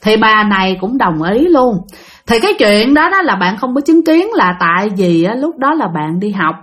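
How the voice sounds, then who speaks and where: A woman with a Southern Vietnamese accent narrating a ghost story in a chatty, drawn-out way, with many sentence-end particles. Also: medium pitch, big pitch swings, a bit bright.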